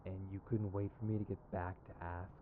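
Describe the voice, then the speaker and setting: In an ASMR roleplay, a man acts as an exasperated yet principled and protective villain, speaking in a sardonic, emphatic, conversational way with a casual mood. His deep voice keeps a level tone at a fairly quick pace, lightly acted and sounding phone-quality, with clear background noise.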